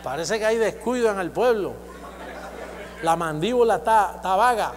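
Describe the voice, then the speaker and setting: A man preaching a sermon, exhorting his listeners and building to loud, repeated declarations. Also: high-pitched, lively intonation, moderate pace, crowd noise. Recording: echoey hall with faint hum.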